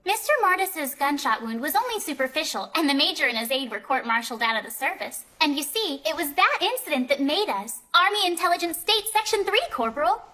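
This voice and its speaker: A cheerful, chatty sergeant major explains things eagerly in an anime dub. Her voice is high, bright and lively, with wide swings in pitch. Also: brisk, few pauses, heavily acted. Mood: bubbly. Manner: bubbly, explanatory storytelling.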